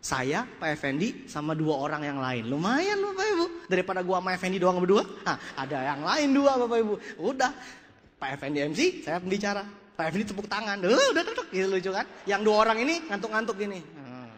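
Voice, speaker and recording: A man's voice: high voice, sing-song, quick pace, fairly bright tone. A man with a Jakarta colloquial accent giving a comic, self-mocking motivational seminar talk, acting out voices as he tells his story. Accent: Jakarta colloquial Indonesian. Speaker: motivational speaker. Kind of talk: animated seminar talk to a live audience. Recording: echoey hall with faint noise.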